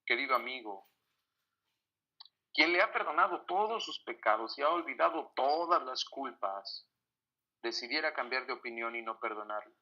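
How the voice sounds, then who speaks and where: A man's voice: medium pitch, lively intonation, normal speed, lo-fi sound. A man preaching a sermon on forgiveness. He speaks earnestly, asks his listeners rhetorical questions, and addresses them as brethren. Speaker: preacher and biblical counselor.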